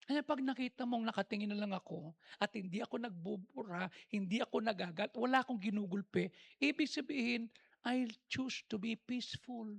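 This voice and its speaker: A pastor from the Philippines preaching a lively, joking sermon, mixing in English and acting out stories. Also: male voice, high-pitched, normal speed, gravelly. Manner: animated, mixes in English, acts out stories and jokes. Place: church service.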